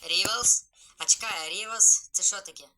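Excited male game streamer, music behind. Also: sits high, normal speed, low-quality recording. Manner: excited, chatty, greeting viewers. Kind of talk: live game stream chat.

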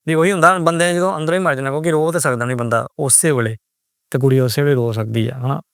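Fast-talking man explaining a book. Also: a little high, steady tone, gravelly, no echo, clean studio sound. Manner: conversational, explains words as he reads. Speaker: book reviewer. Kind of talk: casual book reading and word explanations.

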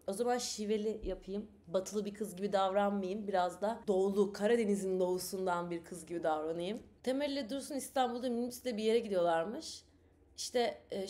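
Brief: lively female streamer host, chatty joke teller, mid-pitched voice. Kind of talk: live stream chat and joke telling.

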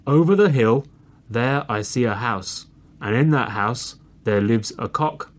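A man voicing a big, bad, greedy fox in a storybook, speaking in a gruff, boastful voice. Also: mid-range voice, unhurried, lightly acted. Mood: scheming.

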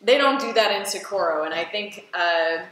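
A woman's voice: mid-range voice, expressive, moderate pace, a bit bright. A woman, a scuba diving instructor, chatting animatedly as she reacts to and explains dive footage. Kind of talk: casual reaction commentary. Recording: very echoey room, faint ambience.

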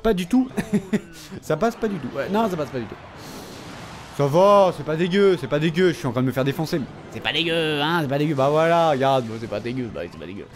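A tired man casually commenting on his own game, excitable and talking to himself and his opponent. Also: a little high, brisk, slight background noise. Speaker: gaming video host.

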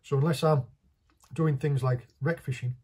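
A man's voice: medium pitch, fairly even intonation, moderate pace, dark tone, husky. A man, casually talking through a hands-on fishing tutorial while he works, in a small indoor workshop. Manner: chatty, practical, talks while working with his hands.

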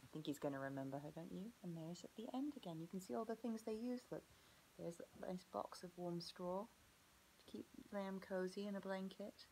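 A woman preschool teacher gently reading a picture book aloud to children and asking them questions about the pages. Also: on the low side, normal speed, slight background noise, poor audio.

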